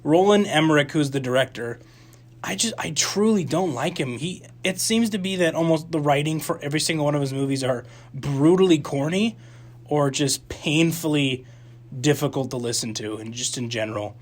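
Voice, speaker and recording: A young man co-hosting a campus radio movie show, talking casually in a rambling, animated way full of restarts and fillers. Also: on the high side, moderate pace. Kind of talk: casual movie review chat.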